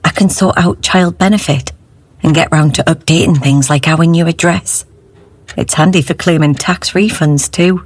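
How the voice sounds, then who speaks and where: A woman playing a tired mum finally relaxing, husky-voiced, in a scripted radio advert. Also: low voice, normal speed, dry recording. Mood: relieved, relaxed. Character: tired mum relaxing once kids are in bed.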